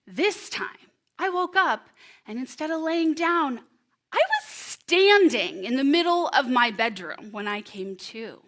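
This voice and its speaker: Bright-voiced woman telling a story on stage. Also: sits high. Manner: expressive, animated delivery with dramatic pauses. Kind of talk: live storytelling performance. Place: presentation room before an audience.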